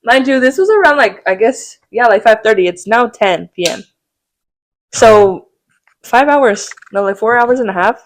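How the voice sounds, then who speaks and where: A woman's voice: fairly high pitch, normal speed, noisy background. A young adult woman co-hosting a podcast, telling a rambling story and acting out quotes in casual chat. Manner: animated, rambling, acts out quotes, laughs often. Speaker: podcast co-host.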